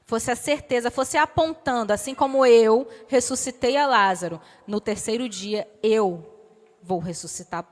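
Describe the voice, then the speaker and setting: Woman preacher, high voice, sermon, animated storytelling, echoing church hall. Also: unhurried. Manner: animated storytelling, acting out Bible dialogue.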